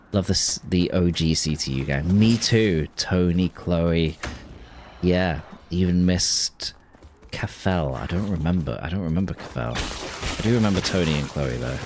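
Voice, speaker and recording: A man's voice: low voice, unhurried, a little mellow, a little hiss or hum. A man chatting casually while streaming a game, rambling and restarting his sentences. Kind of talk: casual gameplay chat with chat.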